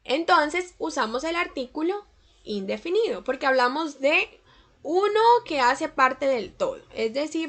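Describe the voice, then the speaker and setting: A woman teaching English grammar in a scripted lesson, slowing down to pronounce English example sentences carefully. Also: sits high, creaky, fairly bright tone.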